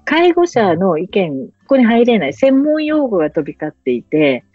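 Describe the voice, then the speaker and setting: Lively woman with a Hakata lilt. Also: mid-range voice, normal speed, no room sound, faint music behind. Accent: Hakata dialect. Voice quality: animated, dialect-rich storytelling. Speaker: remote monitoring nurse. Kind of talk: explanatory interview talk. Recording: dull lo-fi recording.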